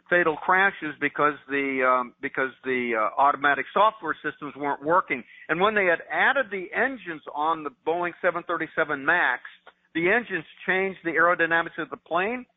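Brief: older male radio co-host phoning in, slightly high voice, dry tinny phone sound, halting news reading. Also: no room sound. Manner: reads news items with restarts and fillers. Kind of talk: tech news talk by phone. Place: at home, calling in remotely. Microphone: phone headset.

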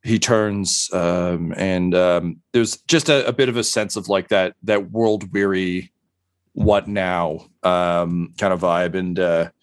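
Deep-voiced male game master. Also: fairly even intonation, clear, resonant tone. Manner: halting, many fillers. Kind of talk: narrating a tabletop game.

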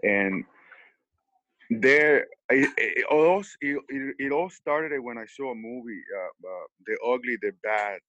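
A man's voice: medium pitch, measured pace, pushed and bright, dry recording, lo-fi sound. A man from Mexico with a Mexican Spanish accent, speaking English as a second language, telling his story in an interview with many restarts and repeated words. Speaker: hat maker.

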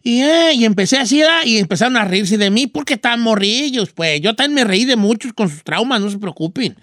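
A man's voice: high-pitched, expressive, fairly quick, fairly bright tone, no echo, studio quality. A man putting on a folksy old rancher character with a Mexican accent, a radio host telling a rambling story and giving advice. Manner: rambling, folksy, full of rural slang. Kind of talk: storytelling and advice on a call-in show.

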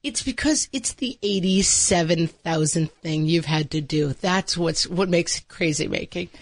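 A woman's voice: fairly low pitch, unhurried, no echo. A woman co-hosting a podcast in casual, chatty conversation. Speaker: podcast co-host. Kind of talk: casual chat.

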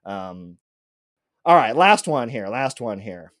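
In a podcast trivia segment, a male co-host rambles casually through a detailed, lecture-like explanation, dropping plenty of fillers and restarts. He speaks slowly in a mid-range, fairly bright voice with big pitch swings. The recording is dry and of studio quality.

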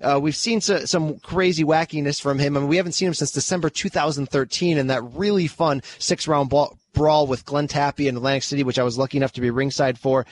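Male co-host, energetic boxing analysis, fairly high voice. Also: fast talker, few pauses. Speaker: podcast co-host. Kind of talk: casual sports chat.

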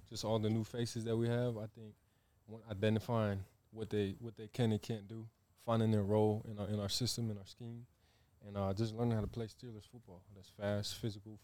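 Flat, mellow-voiced man chatting. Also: lowish voice, dry recording. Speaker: football player guest. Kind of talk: casual podcast chat.

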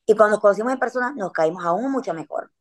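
A woman's voice: mid-range voice, animated, fast. A woman, chatting casually as a podcast guest and telling a story in a slangy way, with frequent filler words.

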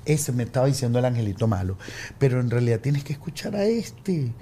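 A man, a podcast guest telling stories in lively casual conversation, acting out voices as he goes. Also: mid-range voice, fairly quick, a little hiss or hum. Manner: animated storyteller, acts out quoted voices. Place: recording studio.

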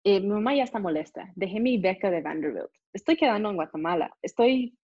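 A young woman with an American accent and native English, telling a lively story as an interview guest and acting out the people in it. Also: mid-range voice, fairly quick, slightly rough, dry recording. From United States. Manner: animated, acts out voices in her story. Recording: dull, muffled sound.

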